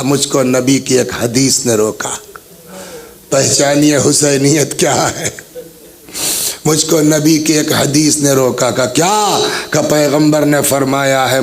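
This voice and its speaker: Delivering a Muharram majlis sermon, a male religious orator with a mid-range voice tells the story dramatically, voicing its people and addressing the gathering directly.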